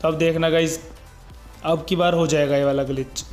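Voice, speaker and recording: A man's voice: fairly high pitch, little pitch movement, normal speed, darkish tone, faint music behind. Chatty young man narrating gameplay. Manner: chatty, keeps saying "guys" and "bhai" to viewers. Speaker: gaming YouTuber. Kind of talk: casual gameplay commentary voice-over.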